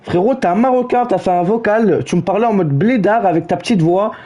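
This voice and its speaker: A man's voice: high-pitched, brisk, dark tone, lo-fi sound. A man streaming a football video game, chatting with friends in slangy, teasing, mock-outraged asides and calling the match like a mock commentator.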